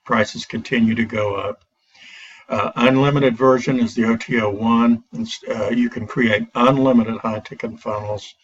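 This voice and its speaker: A man's voice: medium pitch, fairly even intonation, normal speed, breathy edge. A man giving a casual product review, recorded through a built-in laptop computer mic, talking in a hesitant way with frequent "uh" fillers and restarts. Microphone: built-in computer microphone. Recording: dull lo-fi laptop mic, distant.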